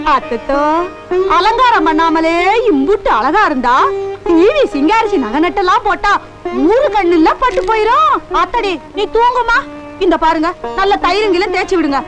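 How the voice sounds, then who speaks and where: A middle-aged woman playing a groom's mother who chats and fusses over the bride. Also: extremely high pitch. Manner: chatty, fussing, cheerful. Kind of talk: Tamil film dialogue.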